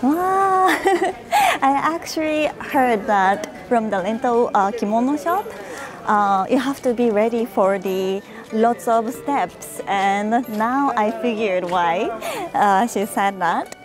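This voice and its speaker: Woman, travel vlogger, breathless on temple steps, unhurried and high, faint music underneath. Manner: exclaims often, laughs a lot, searches for words. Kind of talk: casual walking vlog. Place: outdoors at a temple with many steps.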